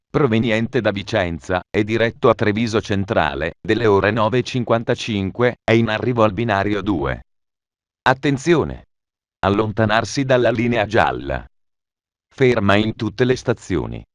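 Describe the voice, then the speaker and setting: A man's voice making automated train station announcements, formal and measured, with phrases stitched together. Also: lowish voice, animated, dry recording.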